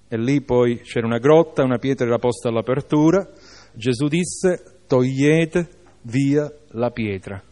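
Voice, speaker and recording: A man's voice: mid-range voice, darkish tone. A man preaching a sermon, reading a Bible passage aloud and then exhorting his listeners with informal asides.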